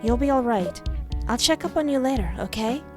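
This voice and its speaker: A woman plays a frank, caring young woman next door in a video game. She sounds casual and reassuring, a bit awkward, with clear music behind her. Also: fairly high pitch, animated, a little fast, pitched above the performer's own voice, close to an everyday voice.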